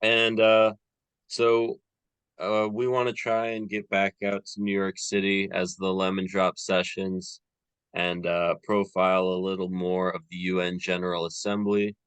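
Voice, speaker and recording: Deep slow-talking male podcast host. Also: clear, resonant tone, no room sound. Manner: relaxed, rambling, many fillers. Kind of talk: casual podcast chat.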